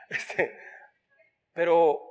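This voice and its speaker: A man preaching a sermon, telling a story lively and acting out what people say, with fillers. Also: drawn-out words. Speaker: pastor.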